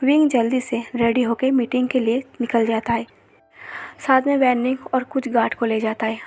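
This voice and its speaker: A woman narrating a fan-fiction story in an even, steady storytelling manner. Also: on the high side, slightly rough. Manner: even storytelling read-through.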